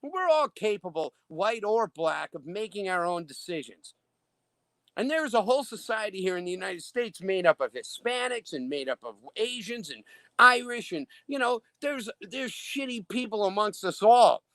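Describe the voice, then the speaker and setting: A man with a notably high-pitched voice speaks with emphatic indignation, piling up rhetorical questions in a heated political discussion. The recording is dry and close, with no room sound. He talks like a host who is used to holding the floor. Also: animated, normal speed, fairly bright tone, no echo. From Illinois. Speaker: show host.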